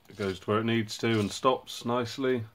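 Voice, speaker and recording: A man hosting his own hobby channel, casually walking through a project and explaining it in a relaxed way with frequent ums and uhs. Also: medium pitch, moderate pace. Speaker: robotics hobbyist channel host.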